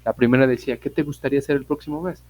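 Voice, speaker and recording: A man's voice: mid-range voice, fairly even intonation, rapid-fire, a little mellow, slight background noise, low-quality recording. A man, teaching an online English class, explaining patiently, repeating points and asking his students questions.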